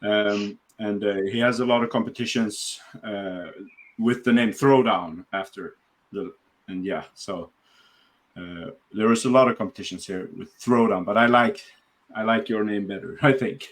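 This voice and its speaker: A man's voice: lowish voice, steady tone, moderate pace. A man from Sweden, hosting a casual interview podcast and talking with many fillers and restarts. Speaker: podcast host.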